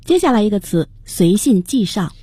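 A woman's voice: medium pitch, very animated, normal speed, warm tone, husky. A woman co-hosting a radio English lesson, introducing each new word and prompting her partner.

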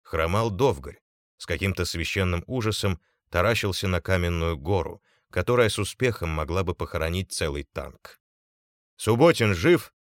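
Low-voiced male audiobook narrator. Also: normal speed, no echo, studio quality.

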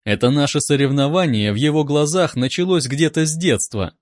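Man narrating a first-person audiobook, calm and wry, kinda higher voice, dead dry booth. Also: fairly quick, no room sound.

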